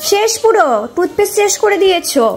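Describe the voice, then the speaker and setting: Woman, from West Bengal, high voice, hoarse with a cold, coaxing mother, casual home vlog. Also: fairly even intonation, quick pace. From West Bengal, India. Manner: coaxing, talks gently to her small daughter. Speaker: vlogger mother. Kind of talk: casual home vlog talk to camera and child.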